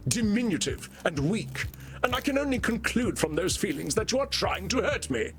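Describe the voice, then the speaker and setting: High-voiced, theatrical villainous vampire thespian. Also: male voice, sing-song, soft background music. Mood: wounded, condescending. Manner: slow theatrical villain menace, grandiose archaic diction. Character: pompous, theatrical male vampire stage actor, vain and wounded. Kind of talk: theatrical video game voice acting.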